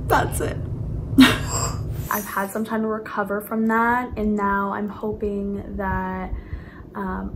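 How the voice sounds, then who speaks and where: Slow-talking woman with a slight lisp. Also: medium pitch, noisy background. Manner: candid, chatty, many hedging fillers. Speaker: vlogger. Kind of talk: casual video diary.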